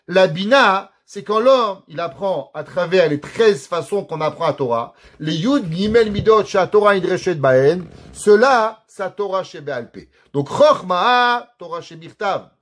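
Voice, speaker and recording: High-voiced rabbi teaching a Torah lesson. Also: male voice, lively intonation, measured pace, few pauses, fairly bright tone. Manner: asks questions and answers them himself; mixes Hebrew quotes into his explanation.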